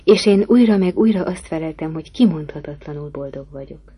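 A woman's voice: deep voice, lively intonation, mellow, breathy edge. A woman narrating a novel aloud in an earnest, heartfelt reading. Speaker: audiobook narrator.

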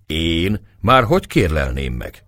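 A man's voice: low-pitched, very animated, fairly bright tone, dry recording, studio quality. A man reading the part of a bold, proud young page with a defiant, boastful manner.

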